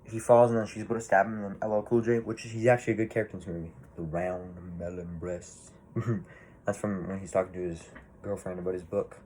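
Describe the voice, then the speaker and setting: A man's voice: fairly low pitch, flat delivery, very fast, darkish tone, slight background noise. A man giving a casual movie review, rambling and swearing freely, full of fillers and restarts.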